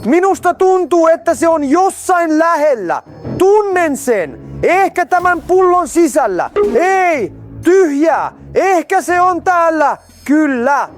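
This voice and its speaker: A man with a very high, bright-sounding voice hosts a dubbed kids' challenge video. He talks eagerly and leads the group, and faint music runs underneath. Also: very animated. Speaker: host.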